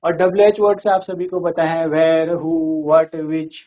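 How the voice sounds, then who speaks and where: A man with a fairly high voice teaches a virtual classroom lesson. He explains step by step, often checking in with the class, and reads English examples slowly. The sound is narrow and phone-like. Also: steady tone. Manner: explains step by step, repeating "theek hai" often. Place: studio.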